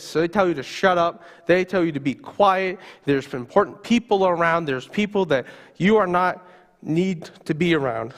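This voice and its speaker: Male pastor, vivid storytelling sermon, lifted voice, reverberant church hall. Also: a little high. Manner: vivid second-person storytelling.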